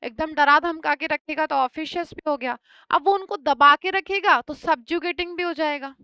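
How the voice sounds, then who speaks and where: A woman teaching English vocabulary for an exam, explaining words with everyday examples and rapid lists of synonyms. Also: high-pitched, bright, forceful tone, dry recording, lo-fi sound. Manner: explains each word with everyday examples and quick checks. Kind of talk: exam-prep lesson.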